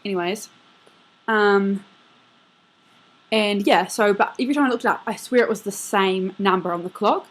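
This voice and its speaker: A woman's voice: medium pitch, moderate pace, long pauses, low-quality recording. A young woman in a casual video message, rambling through a dream story with lots of "like" and fillers. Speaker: vlogger.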